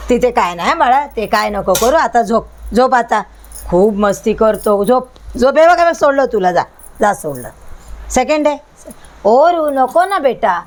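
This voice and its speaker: A woman vlogging as she coaxes her pet dog in repetitive baby talk. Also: on the high side. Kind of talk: casual vlog talking to her dog.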